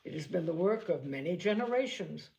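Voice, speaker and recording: Woman doing a proud, reserved, clipped gentleman. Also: lowish voice, lively intonation, brisk, creaky, poor audio. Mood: dignified. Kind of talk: audiobook character acting.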